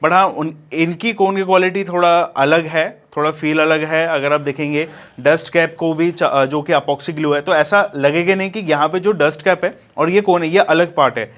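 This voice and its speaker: A man's voice: on the high side, steady tone, moderate pace, a bit bright. A man casually reviewing and unboxing a speaker, talking to viewers as friends and using plenty of fillers. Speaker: DJ equipment vlogger.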